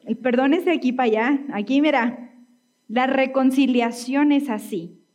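A woman pastor delivers a sermon in a relaxed, conversational way, constantly checking in with her listeners through quick tag questions. Her voice sits a little high for a woman.

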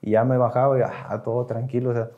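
A man's voice: medium pitch, little pitch movement, fast talker, muffled recording. This young man speaks with a Mexican accent and a mid-range voice. He is a podcast guest, and he tells his story in slang, with real emotion. He acts out the voices of the people he is quoting as he goes. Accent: Mexican Spanish. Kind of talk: casual conversation.

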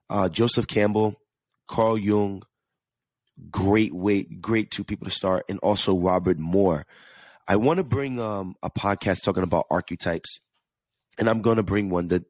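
Deep-voiced New York podcast host. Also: male voice, dry recording. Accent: New York / New Jersey. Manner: earnest, repeats words and restarts often. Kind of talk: casual solo podcast monologue.

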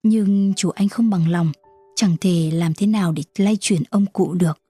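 A woman giving scripted first-person narration of a story in a steady storytelling manner. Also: on the low side, a little slow, slightly rough, no echo, soft background music. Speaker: audiobook narrator.

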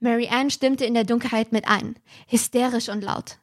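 A woman podcast host narrating a detective story aloud in a brisk, animated way. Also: a little high.

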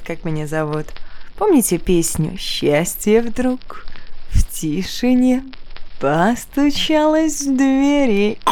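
A woman's voice: mid-range voice, dark tone. A woman hosting a podcast in a playful, cheerful way, using affectionate slang. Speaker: podcast host.

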